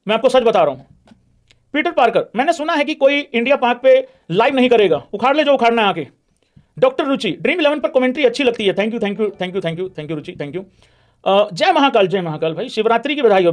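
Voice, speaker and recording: A cricket livestreamer reading out super chats goes on a casual rant, his voice high and his manner heated, blunt and mocking. He addresses his audience as brothers while answering the chat.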